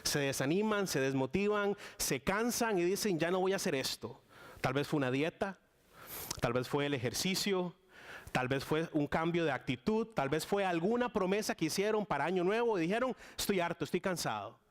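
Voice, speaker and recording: A man's voice: high voice, lively intonation, moderate pace. A young Costa Rican man with a Costa Rican accent, preaching a casual guest sermon with lots of fillers and restarts. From Costa Rica. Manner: chatty and warm with frequent fillers and restarts.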